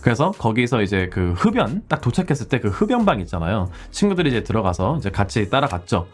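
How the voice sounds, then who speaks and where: Speaking quickly in a mid-range voice full of big pitch swings, this Korean-born man in his forties teaches English conversation in a relaxed way. He illustrates with role-played, heated arguments you might hear on the street.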